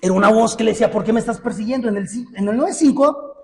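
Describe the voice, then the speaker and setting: A man preaching a sermon as pastor, with a Mexican Spanish accent, joking and lively, moving between loud exhortation and low asides. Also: quick pace, in a large hall, a little hiss or hum. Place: church hall.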